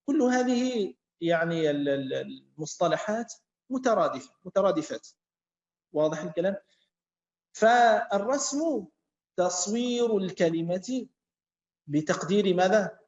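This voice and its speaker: A man with a high voice teaches a class. He speaks slowly, repeats key words and keeps quizzing his students. The sound is echoey and muffled. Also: expressive, darkish tone. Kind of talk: classroom lesson with student questions.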